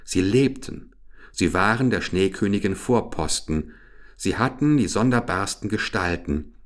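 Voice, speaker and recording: A man narrating a fairy tale in a slow, deliberate storytelling manner. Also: lowish voice, animated.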